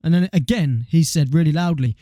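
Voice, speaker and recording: A man's voice: on the high side, brisk, dark tone, no room sound, studio quality. A young man with a British accent, co-hosting a podcast and telling stories in a laid-back, slangy way. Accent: British English. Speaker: podcast co-host. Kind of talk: casual chat.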